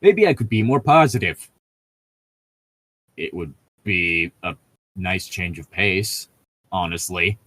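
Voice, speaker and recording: A low-pitched man takes his time, pausing often, with lively intonation and a somewhat bright tone. As a podcast co-host discussing a book, he jokes casually, veers into tangents, and corrects himself.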